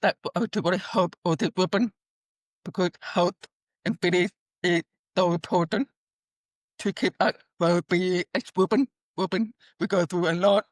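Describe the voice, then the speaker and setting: A woman's voice: on the low side, steady tone, no echo, studio quality. Earnest deaf woman guest on a call. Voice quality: deaf speech, her hearing profoundly impaired from birth. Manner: halting non-standard phrasing, earnest. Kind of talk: interview answers.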